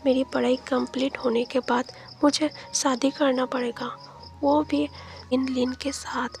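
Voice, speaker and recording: A woman's voice: sits high, level tone, measured pace, vocal fry, faint music behind. Woman reading as tearful teasing college guy. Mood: upset. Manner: emotional, sharp-tongued retorts. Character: young man, tearful college student, teasing.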